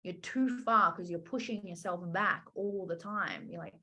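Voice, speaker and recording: A woman's voice: medium pitch, moderate pace. Chatty woman coaching on a call. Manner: animated, chatty, acts out quotes, many "like" and "right?". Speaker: business and money mindset coach. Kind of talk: casual coaching talk on a group call.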